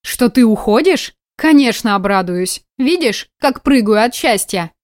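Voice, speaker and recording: A woman reading an audiobook, voicing a hurt, quick-tempered young woman with biting sarcasm, recorded close and dry. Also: a little high, lively intonation, no echo. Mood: sarcastic, heated. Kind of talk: audiobook dialogue.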